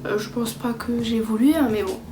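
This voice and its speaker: A young woman vlogger chatting casually to camera, self-mocking and excitable. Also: a little high, moderate pace. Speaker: vlogger tracking her language learning. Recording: roomy echo with background music.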